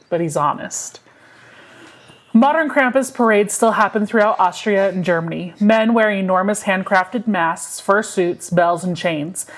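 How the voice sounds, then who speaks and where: A woman co-hosting a podcast, reading a scripted folklore segment in a measured, solemn way. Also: medium pitch. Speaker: podcast co-host.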